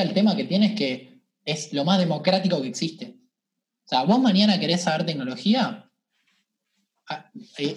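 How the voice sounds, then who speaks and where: A man with an Argentine accent, a guest telling stories in a casual interview, animated and colloquial with frequent restarts. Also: fairly high pitch. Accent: Argentine Spanish.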